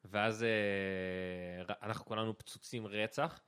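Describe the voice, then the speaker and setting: A young man co-hosting a podcast, telling a story in a casual, animated way and laughing often. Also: on the low side, clean tone. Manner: animated, laughing storyteller, shouting quoted lines. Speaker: podcast co-host.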